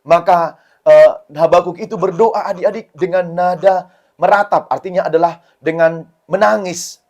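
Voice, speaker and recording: A man's voice: sits high, fairly even intonation, moderate pace, darkish tone, dull audio. A man giving a Sunday school sermon to children, explaining in short repeated phrases and acting out prayers with a pleading voice. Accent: Indonesian, Medan. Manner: acts out prayers and quotes in a raised, pleading voice.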